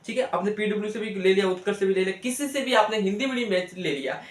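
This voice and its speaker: A man's voice: high voice, fast. A young man, a biology educator, giving casual, earnest coaching advice to students, repeating points and talking straight to them. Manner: chatty and earnest, repeats himself, direct address. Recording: echoey room.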